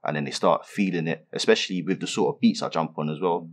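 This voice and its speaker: A man's voice: low voice, quick pace. A young man from London with a London accent, answering interview questions in laid-back street slang with lots of fillers. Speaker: rapper being interviewed.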